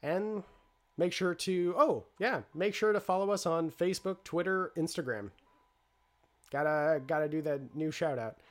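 A man's voice: a little high, normal speed. A man hosting a tabletop role-play podcast, wrapping up the show in an upbeat way with lots of "uh" fillers. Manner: upbeat, promotional, with many "uh" fillers. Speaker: storyteller and podcast host. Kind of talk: podcast sign-off.

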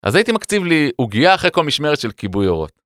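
A man telling an animated personal story in a casual conversation, acting out the voices of people in it. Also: on the high side, no room sound, studio quality. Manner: animated, acts out voices in his anecdotes. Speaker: educator and podcast guest.

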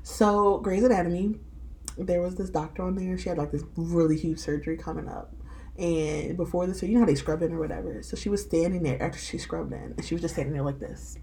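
A woman's voice: lowish voice, fast, a little hiss or hum. A young woman co-hosting a casual chat podcast, cursing freely and getting hyped while telling stories. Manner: swearing, hyped and animated when retelling stories. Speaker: podcast co-host.

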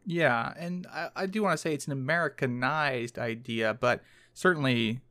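A man's voice: mid-range voice, normal speed, pushed and bright, dry recording. A man in a casual academic discussion, talking thoughtfully and analytically with some hedging.

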